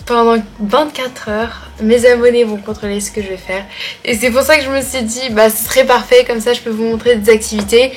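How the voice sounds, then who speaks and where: A woman with a fairly high voice talks to camera as a vlogger. She chats casually to her followers, as if setting up a video for them. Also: fairly even intonation, fairly quick. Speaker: vlogger introducing a challenge video.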